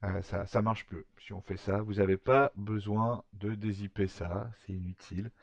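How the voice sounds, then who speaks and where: A man talking through a screen-recorded software tutorial, hesitant, with many fillers and restarts. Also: lowish voice, fairly even intonation, normal speed, vocal fry, no echo. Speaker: tutorial maker.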